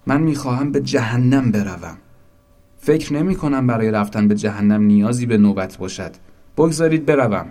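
A man voicing Little Zoraq, a small, stubborn soul who pleads loudly and insistently. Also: mid-range voice, voice pushed up, natural voice.

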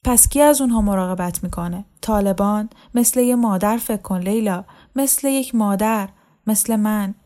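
A woman voicing a patient, resigned older woman who speaks quietly and evenly, in a storybook reading. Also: mid-range voice, lightly acted. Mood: calm.

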